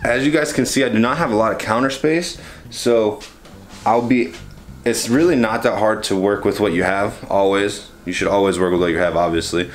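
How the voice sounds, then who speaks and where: A young man with a lowish voice talks at normal speed through a cooking how-to, rambling and correcting himself. The vlogger films in a small home kitchen with a handheld camera at arm's length, and there's slight background noise.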